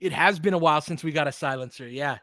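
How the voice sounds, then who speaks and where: A man with a higher-pitched voice talks fast through live basketball action, partisan and informal, his phrases short and clipped and his energy spiking on big plays. The sound is clean studio audio with no room sound.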